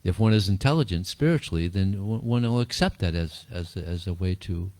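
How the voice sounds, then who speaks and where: A man with a deep, low voice teaches a small group in an easygoing, rambling way. He chuckles often and repeats words as he tells stories. The sound is dry and close. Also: a little fast, darkish tone, no room sound. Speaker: spiritual teacher answering questions. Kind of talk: informal talk and Q&A.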